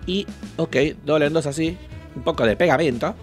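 A man with an Argentine Rioplatense accent hosting a reaction video, crude and mocking, jumping between shouts and mutters. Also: fairly high pitch, a little fast, soft background music. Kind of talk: casual reaction commentary.

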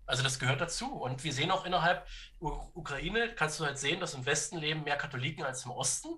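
Fairly high in pitch and sharp in tone, this man's voice carries a conversational explanation of history and politics on a podcast where he's a guest. He halts often, feels around for words, and checks in along the way.

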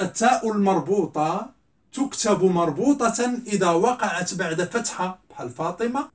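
A middle-aged man teaching a classroom grammar lesson, repeating words slowly and asking and answering his own questions. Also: high-pitched. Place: classroom with a blackboard.

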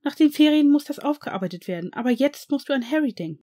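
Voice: lively intonation, quick pace, mellow. A reader doing a strict aristocratic woman. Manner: strict, raised pitch. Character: firm aristocratic woman, caring but strict. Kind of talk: audiobook fan reading.

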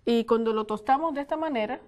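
A woman's voice: a little high, fast talker, darkish tone. Puerto Rican woman demonstrating a recipe. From Puerto Rico. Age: older. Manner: homely, lots of diminutives. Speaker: guest cook. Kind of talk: cooking demonstration. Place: studio kitchen set. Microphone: lapel mic.

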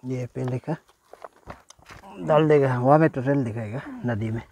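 This man's voice is medium-pitched, dark in tone and a little slow, with slight background noise. He's vlogging casually to camera by a jungle river in the rain, often repeating things and exclaiming.

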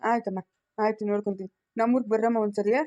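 A woman's voice: mid-range voice, fairly even intonation, fast, warm tone, muffled recording, natural voice. A woman playing a kindly, motherly village woman in an amateur family drama, pleading and soothing.

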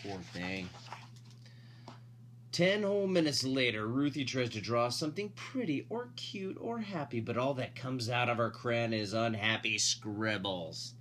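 Slight background noise sits under a dad's animated storybook reading. His voice is mid-range and a little bright, his pace measured, and he draws out emphasized words while slipping in playful side comments for his audience.

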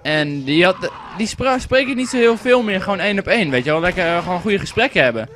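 Young male let's-play host, high-ish voice, rapid rambling chatter, faint hiss behind. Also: animated, fairly bright tone. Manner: chatty, rambling, swears when the game lags. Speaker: gaming commentator. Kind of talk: casual let's-play commentary.

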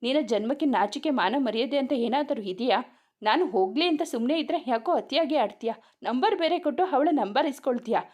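A woman's voice: high voice, expressive, a little fast, darkish tone. A woman voicing a young wife who scolds her husband reproachfully in a storybook reading. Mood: scolding.

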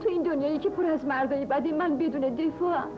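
A woman's voice: sits high, lightly acted. A woman dubbing a tearful young woman who pleads in a whiny way for help and money. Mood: pleading. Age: young adult. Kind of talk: Persian film dubbing. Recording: dull dubbed film audio with music.

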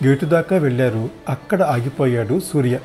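A man reading a short story aloud in a steady narrating voice. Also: medium pitch, moderate pace, faint music behind. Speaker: audiobook narrator.

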